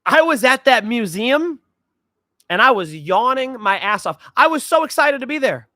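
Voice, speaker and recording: A young man hosting a fight predictions show, talking in a rambling, excitable way and swearing freely. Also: extremely high pitch, normal speed, no room sound, studio quality. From California. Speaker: host.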